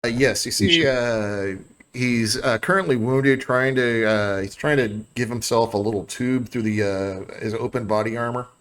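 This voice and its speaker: A man's voice: mid-range voice, moderate pace, fairly bright tone, smooth. A man acting as game master, describing scenes and explaining rulings in a loose, conversational way. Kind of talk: narrating a tabletop game.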